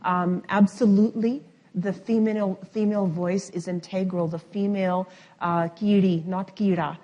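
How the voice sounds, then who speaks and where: A woman panelist answering at a conference, measured and firm, with clear emphasis. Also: mid-range voice, steady tone, dark tone, highs cut off. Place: university conference room.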